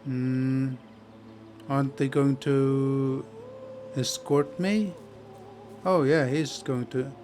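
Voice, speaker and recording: A man's voice: mid-range voice, fairly even intonation, extremely slow, pauses often, darkish tone, soft background music. A man giving casual let's play commentary, hesitantly thinking aloud as he plays. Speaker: gaming video host.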